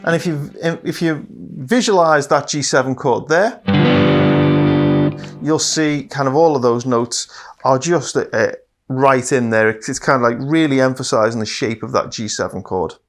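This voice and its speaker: A man's voice: medium pitch, normal speed. A man giving a casual, step-by-step guitar lesson, explaining patiently and counting off each part with an easygoing "okay". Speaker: guitar teacher. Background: guitar playing.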